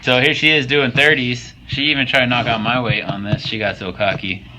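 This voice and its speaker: A man's voice: medium pitch, steady tone, a little fast, music in the background, poor audio. A young man casually commenting on workout footage, joking and swearing as he coaches viewers. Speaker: fitness vlogger.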